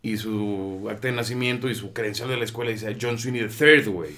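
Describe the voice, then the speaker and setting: A man's voice: lowish voice, a little fast, sharp tone. A Mexican man chatting casually and profanely with friends as a podcast host.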